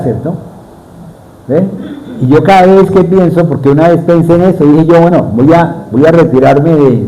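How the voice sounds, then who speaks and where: Male preacher, middle-aged, mellow voice, keeps quizzing the congregation. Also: fairly high pitch, poor audio. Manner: asks the congregation questions. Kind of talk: sermon.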